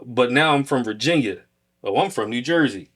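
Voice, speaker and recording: A man co-hosting a podcast, talking in a relaxed, explanatory way. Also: medium pitch, normal speed, breathy edge. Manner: relaxed, explanatory, builds points step by step. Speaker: podcast co-host. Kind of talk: casual conversation.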